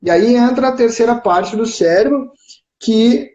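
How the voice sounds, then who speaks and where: A man with a southern Brazilian gaúcho accent explains his point patiently, checking in with his listener as he goes. His voice is warm and mellow. It comes through a roomy, somewhat dull live-stream feed. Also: very high voice, unhurried. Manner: explains patiently with frequent "né?" and "certo?" check-ins. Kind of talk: explanatory casual chat.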